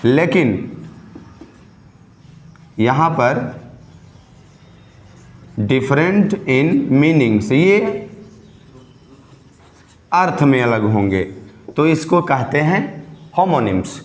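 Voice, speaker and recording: A man teaching a class, explaining each term step by step and slowly dictating definitions, then repeating them in Hindi. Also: medium pitch, lively intonation, reverberant. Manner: slow, dictating English definitions word by word. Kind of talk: classroom lesson, mixing Hindi and English.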